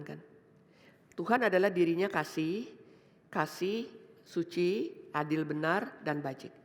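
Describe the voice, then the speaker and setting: A woman vicar preaching a sermon, repeating key phrases for emphasis and talking directly to the congregation in a casual, story-telling way. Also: low-pitched. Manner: addresses the congregation directly and conversationally; tells illustrative stories in a casual tone. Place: church hall. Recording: long church-hall reverb.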